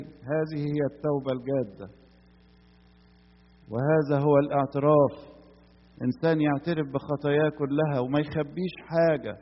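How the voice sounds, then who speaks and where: A man with an Egyptian accent preaching a sermon, repeating key phrases and asking his listeners questions. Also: fairly high pitch. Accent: Egyptian Arabic. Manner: mixes colloquial and formal Arabic, repeats key phrases, asks the listeners questions. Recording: dull sound with long hall reverb.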